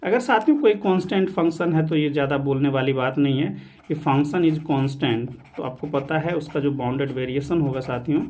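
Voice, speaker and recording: A man's voice: a little high, moderate pace, darkish tone. A man teaching real analysis in an online lecture, mixing English terms into his Hindi and asking the students rhetorical questions. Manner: repeatedly addresses students as "saathiyon", mixing English math terms; asks rhetorical questions then answers them. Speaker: maths teacher. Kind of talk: online exam-prep lecture.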